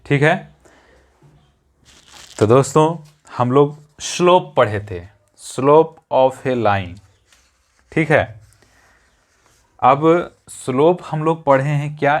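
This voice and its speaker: A male math teacher in a classroom who talks slowly and patiently. His voice sits in an ordinary middle range. He repeats each step and keeps checking with his students that they follow. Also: mid-range voice. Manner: explains step by step, repeats phrases, often checks with "theek hai".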